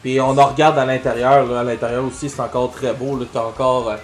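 A man with a Quebec French accent chats casually as a podcast co-host, animated and full of slang and fillers. His voice sits at a middle pitch and rings in a roomy space. Faint music plays behind him. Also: fast. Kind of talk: casual chat.

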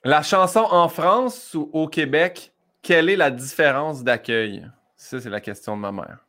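A man hosting a casual interview, playful and quick, laughing easily. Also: on the high side, sharp tone. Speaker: interview host.

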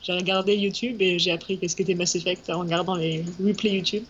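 A woman's voice: fairly low pitch, steady tone, fairly quick. French woman chatting, slightly muffled recording. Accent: French from France. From southwest France. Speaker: interview guest, animator. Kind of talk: casual interview chat. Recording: muffled, faint background noise.

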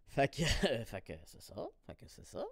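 A young Québécois man chats on his podcast in a loose, slangy way. He laughs often and swears freely as he tells his stories. His voice sits at a medium pitch, and the recording is very dry. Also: very animated, unhurried, dry recording. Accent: Québécois French. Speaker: podcast host. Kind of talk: casual chat.

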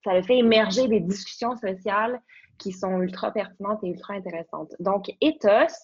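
A woman's voice: mid-range voice, normal speed, breathy edge. Young woman, muffled audio. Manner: eager, many fillers and restarts. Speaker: podcast guest, researcher. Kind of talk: podcast interview.

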